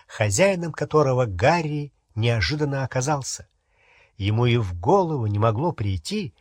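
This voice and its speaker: A man reading an audiobook in an even, measured way, with a husky voice. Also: medium pitch, no room sound, clean studio sound. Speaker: audiobook narrator. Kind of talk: audiobook narration.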